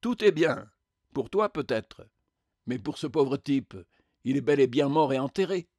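A man voicing an aggrieved, resentful burly male ghost who talks loudly and protests. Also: medium pitch, expressive, unhurried, breathy edge, no echo, clean studio sound. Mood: indignant. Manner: loud, indignant, protesting.

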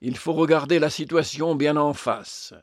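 A theatrical ghost tragedian, as a male narrator puts him on, declaiming in a raised, high-strung voice. His words come slow and heavy, and the recording is close and dry. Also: steady tone, no room sound. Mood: commanding. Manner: declamatory, melodramatic.

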